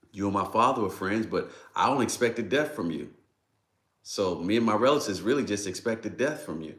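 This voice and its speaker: A man's voice: lowish voice, fairly bright tone. A man preaching a devotional sermon, acting out scripture dialogue and breaking into emotional exclamations. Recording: roomy echo.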